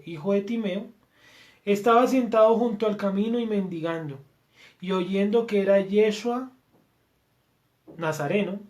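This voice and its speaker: A woman with a Colombian accent, a participant in a Bible class, reading scripture aloud quickly and calling out the verse numbers. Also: mid-range voice, darkish tone. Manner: reads quickly and plainly, announcing verse numbers.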